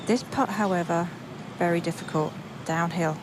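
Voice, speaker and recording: A woman's voice: fairly low pitch, normal speed. A woman working as a golf commentator, giving analytical live commentary from an outdoor broadcast. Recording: outdoor broadcast with clear background noise.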